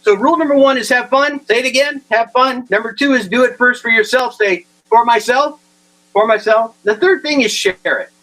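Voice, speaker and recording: A man giving a humorous keynote talk, telling funny anecdotes in an animated way and chuckling at his own stories. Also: extremely high pitch, normal speed, poor audio. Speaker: humor speaker. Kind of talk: comic keynote storytelling.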